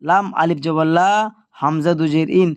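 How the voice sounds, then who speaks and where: A man with a fairly high voice teaches Quran reading, patiently sounding out letter by letter before joining the syllables. The recording is dry and close. His delivery is steady and instructive. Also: no room sound. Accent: Bangladeshi Bengali. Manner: patient, spells syllables slowly then blends them. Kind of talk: spelling-out recitation lesson.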